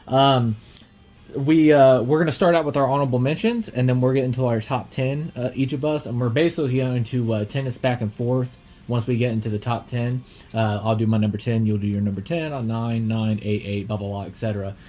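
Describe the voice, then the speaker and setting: A young man hosts a casual movie podcast at home, eager and rambling, with lots of ums and uhs. A slight lisp from a dental aligner softens his consonants. His voice sits at an ordinary mid pitch for a man. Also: brisk, slight background noise. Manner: rambling, filler-heavy, excitable. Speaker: podcast host.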